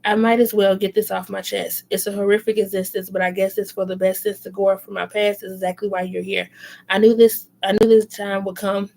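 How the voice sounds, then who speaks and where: A woman's voice: medium pitch, little pitch movement, brisk, gravelly, darkish tone, close to an everyday voice. Woman reading as a sly hardened female inmate with a Baltimore accent. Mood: resigned. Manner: sly, taunting, then resigned.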